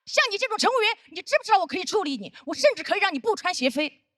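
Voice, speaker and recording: A woman's voice: very high-pitched, very animated, very fast, fairly bright tone, no room sound, clean studio sound, pitched above the performer's own voice, full character voice. A woman voicing a bossy, sneering male senior flight attendant who bullies a junior, in a stand-up routine. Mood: threatening. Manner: snide, bullying, sarcastic.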